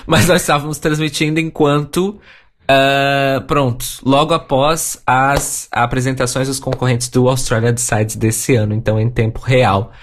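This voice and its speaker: A man's voice: medium pitch, fairly even intonation, normal speed. A man hosting a casual podcast chat, talking in an opinionated way and laughing often. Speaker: podcast host.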